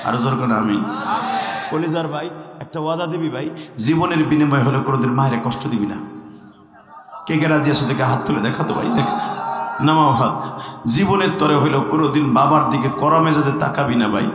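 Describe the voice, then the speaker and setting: A man giving a fiery sermon to a large gathering, chanting in a sing-song way that rises to shouts, heard through a PA. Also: on the high side, fast talker, pauses often. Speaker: preacher. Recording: echoey PA sound with long reverb.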